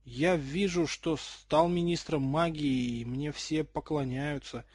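A man's voice: fairly high pitch, steady tone, slow pace, a little mellow, husky, no room sound. A man voicing a frightened young man who pleads in a tearful, raised voice, in a dry recording. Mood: pleading.

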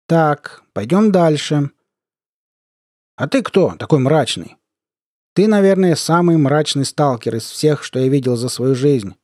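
A man plays a sly, taunting middle-aged army colonel. He lisps and coos in a squeaky baby-talk voice well above his usual pitch. It is a dry, close audiobook recording. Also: animated, unhurried, darkish tone, dry recording. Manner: mocking, taunting.

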